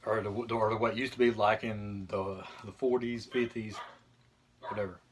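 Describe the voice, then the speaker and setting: A man's voice: fairly low pitch, level tone, moderate pace, slight background noise. A man chatting casually and giving his opinions bluntly, with some mild swearing, as a video host. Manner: blunt, mildly profane.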